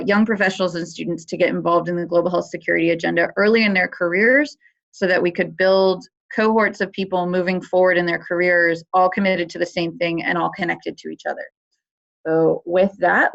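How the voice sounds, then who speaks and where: A woman's voice: on the low side, fairly even intonation, fairly quick, vocal fry, fairly bright tone. A woman presenting a webinar, talking through her slides in a conversational way with many fillers, heard over dull computer audio. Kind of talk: explaining a competition on a webinar.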